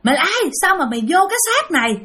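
A woman's voice: very high voice, big pitch swings, racing, voice pushed up, exaggerated voice. A woman doing a shrieking possessed aunt. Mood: interrogating. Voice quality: strange, harsh shouting. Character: middle-aged aunt possessed, scolding a spirit.

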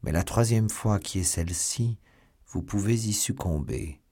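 A man's voice: on the low side, a little slow, mellow, slightly rough. A man reading an audiobook, voicing a refined, self-assured musketeer poet reading a formal letter aloud.

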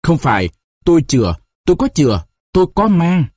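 A man's voice: fairly high pitch, very animated, a little fast, a little mellow, husky, no room sound, studio quality, voice pushed up. A man doing a stammering frightened young woman. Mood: scared. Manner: stammering and tearful.

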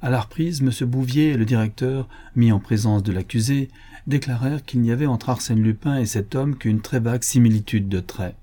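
A man reading a classic French detective story aloud in a measured, steady narration. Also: medium pitch. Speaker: audiobook narrator. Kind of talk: scripted narration.

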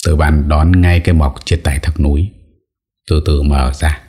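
A man narrating an audiobook story in a steady storytelling manner. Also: very deep voice, moderate pace, slightly rough.

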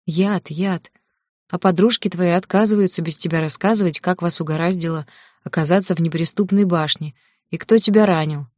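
A woman voicing a kindly, stern male elder who speaks softly and fatherly in an audiobook. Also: fairly low pitch, moderate pace, dry recording, clean studio sound, close to an everyday voice. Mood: gently stern.

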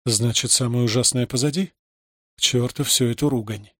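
A man reading a story aloud as narrator, in a measured, dramatic way. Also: medium pitch, a bit bright, dry recording, clean studio sound. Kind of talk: audiobook reading.

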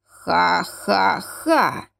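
A woman's voice: fairly low pitch, animated, vocal fry, a bit bright, heavily acted. Woman voicing grating metallic talking gates. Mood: mocking. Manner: slow, drawn-out, solemn delivery. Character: ancient talking cast-iron temple gates, gloomy and mocking. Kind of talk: audiobook narration.

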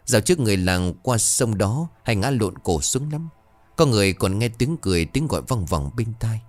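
A male narrator voicing a hesitant young village man who speaks in a low, hushed way. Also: big pitch swings, fairly quick, faint music behind. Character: wary young village man telling ghost lore.

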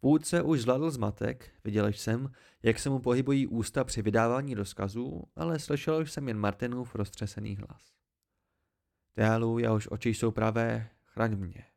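A man narrating an amateur audiobook, raising his voice for the shouted dialogue. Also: mid-range voice, vocal fry. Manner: reads with rising intensity, shouting out the dialogue. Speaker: audiobook reader.

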